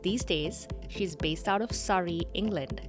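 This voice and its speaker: A woman with a somewhat low voice hosts a podcast, reading introductions and putting questions in a measured, polite manner. Faint music sits behind her speech. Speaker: podcast co-host. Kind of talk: scripted intro and interview questions.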